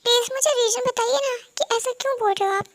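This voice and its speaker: A woman's voice: extremely high pitch, fast, no room sound. A woman voicing an anxious, sensitive young son who pleads and frets in a fan-dub audio drama. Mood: pleading. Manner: pleading, worried, fretful questioning.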